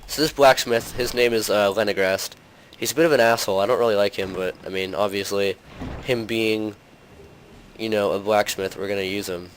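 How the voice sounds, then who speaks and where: A young man hosting a gaming channel narrates his gameplay casually and in a rambling way, leaning heavily on "like" and "um." His lowish voice is slightly hoarse from a cold, brisk, and fairly even in intonation. The low-quality recording has a faint hum underneath.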